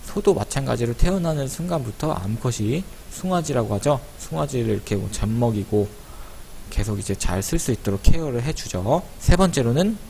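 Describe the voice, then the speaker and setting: A man's voice: medium pitch, animated, normal speed, warm tone. A man teaching a casual explanatory lesson for schoolchildren, conversational and addressing pupils directly. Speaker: teacher presenting an online lesson. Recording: clear hiss behind the voice.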